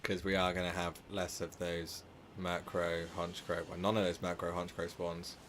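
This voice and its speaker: A man's low, flat voice, roughened by a slightly sore throat, gives casual commentary on his live game stream at normal speed. The background is noisy, and he rambles along with lots of fillers and self-corrections.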